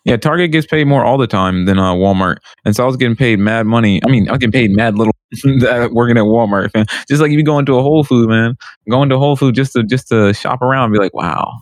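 Male co-host, quick slangy banter with a dry, close sound. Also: medium pitch, dry recording. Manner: fast slangy banter, repeats himself for emphasis. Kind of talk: casual chat.

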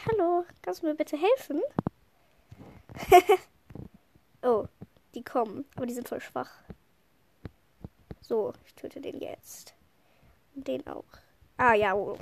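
A woman with a head cold gives casual, rambling commentary as she plays a game, sniffling and chatting with lots of filler words. Her voice is high and a little mellow, and there's a bit of hiss or hum on the recording.

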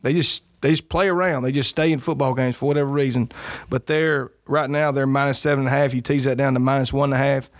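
A man's voice: mid-range voice, fairly even intonation, no room sound. Man, podcast co-host, boastful joking betting talk, dry close sound. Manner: boastful, joking, drawn-out picks. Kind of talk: casual sports betting chat.

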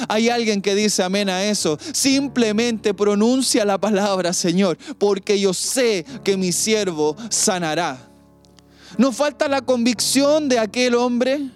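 A woman preaching a sermon in emphatic, repeating cadences, often stopping to ask her listeners a quick rhetorical question. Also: fairly high pitch. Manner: emphatic, repetitive cadences, frequent rhetorical asides.

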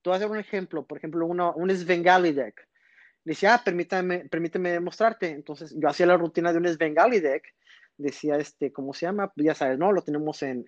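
Brisk and full of fillers, a guest magician in his 30s rambles through stories during a casual podcast interview; he was born in Texas and grew up in northern Mexico. His voice sits slightly high for a man and comes through a muffled, dull line that is close and dry, without echo.

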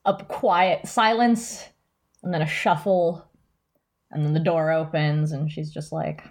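A woman's voice: low-pitched, fairly even intonation, slow pace, a little mellow. A woman player describing her character in a tabletop game, rambling with many hesitations. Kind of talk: casual role-play narration.

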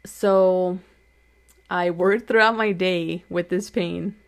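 A woman's voice: on the low side, steady tone, slow pace. A young adult woman hosting a solo podcast episode, candidly telling a personal story in casual, filler-heavy talk. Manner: candid, conversational, many "like" fillers. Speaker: podcast host.

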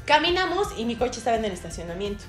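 Animated Mexican woman telling a story. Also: fairly high pitch, very fast, roomy sound, soft background music. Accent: Mexican Spanish. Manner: animated storyteller, acts out shouted quotes, many fillers. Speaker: podcast co-host. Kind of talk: casual chat, telling a dramatic personal story.

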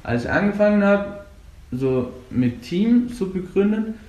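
A young man from Afghanistan, speaking German as a second language, talks earnestly about coaching jiu-jitsu, with halting restarts. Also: sits high, animated, a little mellow, highs cut off. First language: not German. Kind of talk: casual interview. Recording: echoey room.

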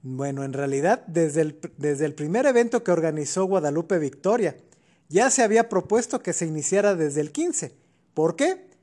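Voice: mid-range voice, animated, moderate pace, a little mellow. A podcast co-host with a Mexican accent, explaining history in a casual chat with colloquial asides.

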